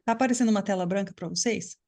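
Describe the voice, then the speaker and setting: A woman's voice: mid-range voice, very fast, a little mellow. A woman English teacher giving a live online class on a video call, explaining patiently and checking often that students follow.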